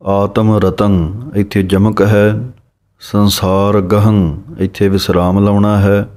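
A man teaching correct recitation of scripture, explaining pauses and pronunciation, then reciting lines slowly. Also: on the low side, little pitch movement, a little mellow.

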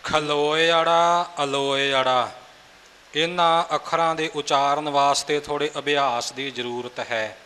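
A man's voice: fairly high pitch, level tone, moderate pace, hardly any pauses, pushed and bright. A man teaching how to pronounce scripture correctly, carefully spelling out syllables and correcting common mistakes. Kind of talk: instructional explanation of pronunciation. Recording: long hall reverb, faint hiss.

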